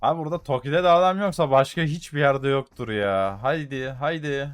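A young man giving gameplay commentary for a mobile shooter, excitedly taunting enemies and muttering to his audience, with gunfire behind him. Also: mid-range voice, a little fast, smooth, no room sound. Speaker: gaming YouTuber.

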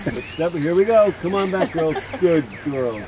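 A man's voice: on the high side, lively intonation, a little slow, low-quality recording. Male beekeeping instructor, coaxing and hands-on, outdoors with a crowd close by. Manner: coaxing, talks to the bees. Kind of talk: hands-on teaching talk at the hives.

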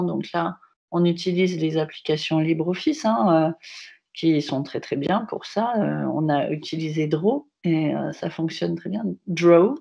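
A woman, an art teacher, walks through a class project in a lowish voice, hesitant and full of pauses and filler sounds. The audio is dull and lo-fi, like a web call. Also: creaky, a little mellow. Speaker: visual arts teacher. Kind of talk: workshop presentation of a class project.

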